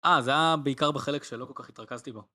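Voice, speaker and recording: Young man with a mid-pitched voice. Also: sharp tone. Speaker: podcast co-host. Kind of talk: casual chat.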